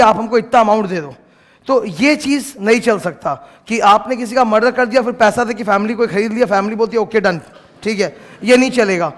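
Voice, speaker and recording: A man teaching law to a class in a casual lecture, stopping at times to scold the noisy students. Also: extremely high pitch. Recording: long hall reverb.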